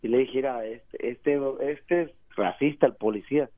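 A man's voice: medium pitch, normal speed. Mexican man telling a story over the phone. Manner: rambling, animated storyteller, slangy. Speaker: caller. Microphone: telephone. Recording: tinny phone line.

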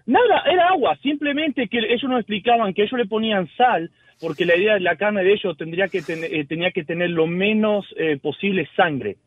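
A man from Uruguay calls in to a radio show and tells a rambling story, restarting often. His voice sits high and comes fairly quick with hardly any pauses, over a tinny telephone line with no room sound.

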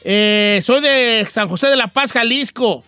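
A man with a western Mexican accent hosting a show in casual chat, playful and animated as he explains regional slang. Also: very high voice, a little slow, clean tone, no echo. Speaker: radio show host.

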